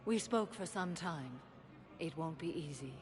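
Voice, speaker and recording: An actress playing a stoic alien warrior matriarch in a video game, formal, measured and solemn. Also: female voice, sits low, animated, a little mellow. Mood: solemn, reflective. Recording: clear background ambience noise.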